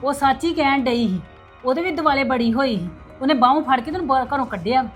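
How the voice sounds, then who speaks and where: A high-voiced, quarrelsome old mother-in-law, played by a woman in a family web series. She taunts and scolds, with faint music under her lines. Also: quick pace, close to an everyday voice. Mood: complaining.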